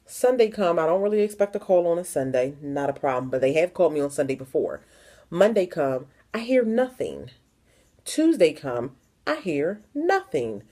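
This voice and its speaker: A woman's voice: low-pitched, very animated, normal speed, dark tone. A young adult woman from the Philadelphia area, talking frankly and emphatically in a personal vlog, repeating words for stress. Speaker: vlogger.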